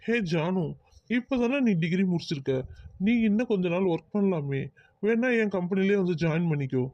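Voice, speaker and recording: A man's voice: high voice, lively intonation, moderate pace, dark tone, no echo, highs cut off. A man voicing a grumbling exasperated young guy. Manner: grumbling, sighing.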